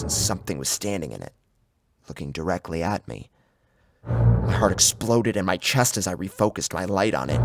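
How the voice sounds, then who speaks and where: Over loud music, a man narrates a scripted first-person horror story with dramatic, theatrical delivery. His voice is low, with vocal fry.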